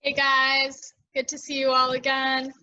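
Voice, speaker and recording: A woman's voice: high voice, monotone, unhurried, pushed and bright, highs cut off. A woman chatting casually and then reading her own poems aloud at an online open mic, a bit self-deprecating between pieces. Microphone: video call.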